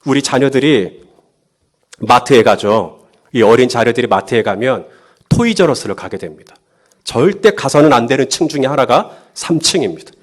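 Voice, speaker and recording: A male pastor preaching a sermon, lively, firing rhetorical questions at the congregation and acting out quotes. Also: mid-range voice, normal speed.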